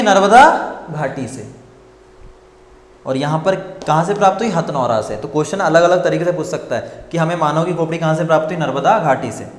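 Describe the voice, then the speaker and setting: Echoey man drilling exam answers. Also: on the high side. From India. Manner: repetitive, quizzes students and answers himself. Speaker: teacher. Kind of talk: exam coaching lecture.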